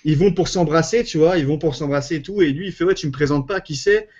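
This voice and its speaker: A man with a French accent hosting a casual film review chat, animated and jokey as he steers the discussion. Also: on the high side, fast, muffled recording. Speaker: film review panel host.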